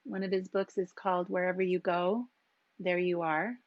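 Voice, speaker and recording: A woman teaching a yoga class, giving calm and gentle cues for breath and posture with long pauses. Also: fairly low pitch, no echo, lo-fi sound. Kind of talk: guided yoga and meditation instruction.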